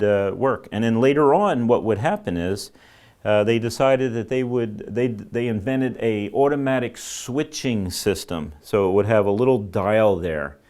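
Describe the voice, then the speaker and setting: Male instructor, lowish voice, loose and chatty, lots of ums. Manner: relaxed, rambling, many fillers and restarts. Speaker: telecom instructor. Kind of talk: informal classroom lecture.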